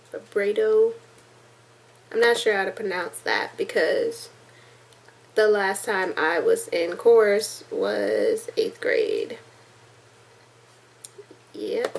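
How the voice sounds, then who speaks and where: A woman's voice: medium pitch, slight background noise, poor audio. A woman hosting a casual reaction vlog, chatty and rambling with self-deprecating asides. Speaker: reaction video host.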